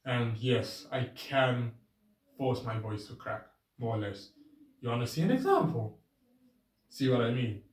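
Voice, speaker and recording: A man's voice: medium pitch, animated, unhurried. Earnest rambling young man, roomy distant sound. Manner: rambling, earnest, voice shifting between registers. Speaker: vlogger. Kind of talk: casual self-reflective monologue. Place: outdoors with his bike.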